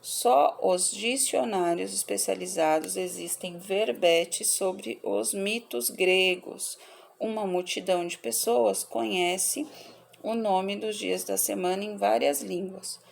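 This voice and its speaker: A woman teacher reads out and corrects workbook answers for children in a slow, patient way. Her voice has a strong gravelly fry, and she goes through the word lists one at a time. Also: medium pitch. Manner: slow, measured listing of words for pupils.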